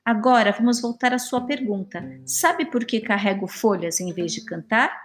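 A woman reading a storybook voices a wise, motherly cicada who explains things calmly and gently. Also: a little high, normal speed, faint music behind, lightly acted.

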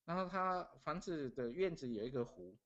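A man's voice: fairly high pitch, expressive, normal speed, lo-fi sound. Middle-aged man. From Taiwan. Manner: earnest, repeats phrases while recounting events. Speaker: guest. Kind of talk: casual storytelling.

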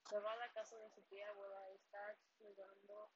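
A woman's voice: mid-range voice, brisk. A woman casually retelling a story, hesitant, with fillers and restarts and English words slipped in. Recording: dull lo-fi recording with steady background noise.

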